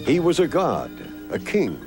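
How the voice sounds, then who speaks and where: A man's voice: a little high, wildly swooping pitch, unhurried. A man reading scripted documentary narration as the film's narrator. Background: music.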